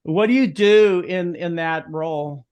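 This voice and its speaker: A man with a fairly high voice hosts a podcast interview. He talks in quick, chatty bursts and jokes with his guest. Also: clear, resonant tone, highs cut off. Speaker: podcast host. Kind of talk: casual interview.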